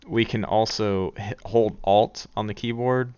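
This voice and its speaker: A man casually walking through software steps over voice chat, hesitant with many ums, his words breaking off in choppy cut-off endings as the connection drops. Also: on the low side, fairly even intonation, a little slow, clean tone. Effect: voice chat dropping out, choppy cut-off endings. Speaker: tutorial presenter. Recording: dull lo-fi voice chat line.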